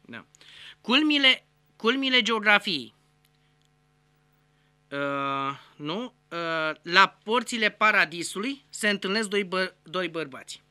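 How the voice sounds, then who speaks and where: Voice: mid-range voice, expressive, sharp tone, clear, resonant tone, no echo. A host telling a string of jokes in a casual monologue, acting out the characters. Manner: acts out joke characters with raised voice.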